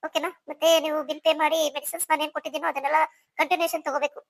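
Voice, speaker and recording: A woman's voice: sits high, level tone, rapid-fire, vocal fry, pitched below the performer's own voice. A woman doing a matter-of-fact doctor. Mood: businesslike.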